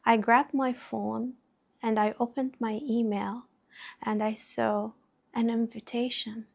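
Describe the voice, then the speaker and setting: A woman with a somewhat high voice shares a personal story on her vlog. She speaks slowly and reflectively, with heartfelt warmth and a non-native English phrasing. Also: level tone, creaky. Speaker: vlogger.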